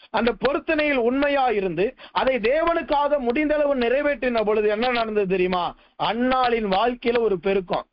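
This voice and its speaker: Male preacher with a high voice, urgent exhortation, dry and slightly muffled recording. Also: no room sound. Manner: preaching with rising and dropping intensity, exhorting listeners. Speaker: pastor. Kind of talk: sermon.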